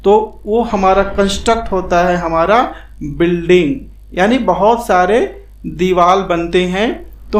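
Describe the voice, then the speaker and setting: Male tutor for a beginners' lesson; patient and repetitive, asks questions and answers them; roomy echo. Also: high-pitched. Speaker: English grammar teacher. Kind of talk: explanatory classroom lesson. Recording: echoey room.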